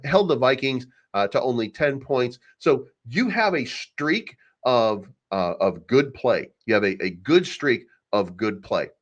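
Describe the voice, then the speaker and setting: A man's voice: mid-range voice, expressive, unhurried, few pauses, dull audio. A man hosting a casual sports podcast, ranting emphatically and repeating his points. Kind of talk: casual fan commentary.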